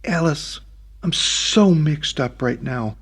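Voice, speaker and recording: A man's voice: a little high, animated, takes it slowly, breathy edge, voice pushed up, heavily acted. A man voicing a tearful, pleading young woman. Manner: pleading, emotional delivery.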